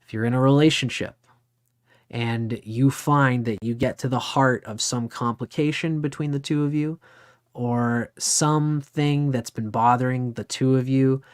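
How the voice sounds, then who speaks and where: A man in his forties talks astrology in a relaxed, unscripted way. He wanders through his points conversationally and drops in an occasional swear word. His voice sits at an ordinary middle pitch. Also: measured pace, clear, resonant tone. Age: 40s. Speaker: astrology teacher. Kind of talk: casual lecture.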